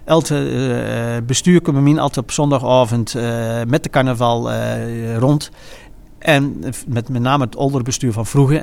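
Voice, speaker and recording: A man with a regional eastern Dutch accent reminiscing informally, speaking in a halting way and often pausing mid-sentence. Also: mid-range voice, darkish tone. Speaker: former carnival prince and innkeeper recounting his carnival.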